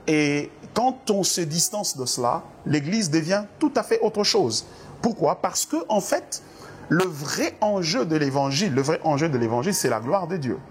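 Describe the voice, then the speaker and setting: A man's voice: fairly high pitch, lively intonation, normal speed, a little hiss or hum. A man from the Congo, a pastor, answering interview questions about church doctrine in an earnest, preacherly way, with frequent hesitations and repeated words. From Democratic Republic of the Congo.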